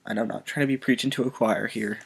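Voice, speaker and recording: Male vlogger, quiet and earnest, halting delivery, on the edge of tears, plain mid-pitch voice. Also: fairly even intonation, gravelly, slightly rough. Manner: soft-spoken. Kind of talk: emotional personal video message.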